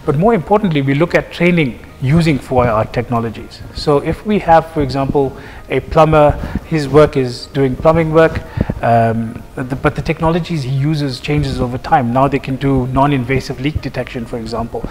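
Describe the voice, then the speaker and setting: Measured man explaining, echoey hall. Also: mid-range voice, a little mellow, a little hiss or hum. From South Africa. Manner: measured, explains with examples, frequent fillers. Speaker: project manager being interviewed. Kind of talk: explanatory interview answers. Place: office lounge, seated on a sofa.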